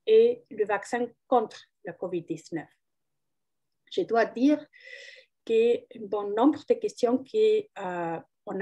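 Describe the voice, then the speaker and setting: A woman with a mid-pitched, dark and husky voice moderates a forum. She presents in a prepared, formal manner, as if introducing speakers and questions.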